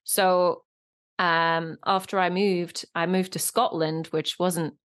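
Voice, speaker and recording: In a casual interview, a guest actress in her thirties speaks slowly in a fairly low voice with little pitch movement, filling her talk with fillers. Born in Norway with Norwegian as her first language, she has a British-leaning accent that isn't clearly foreign.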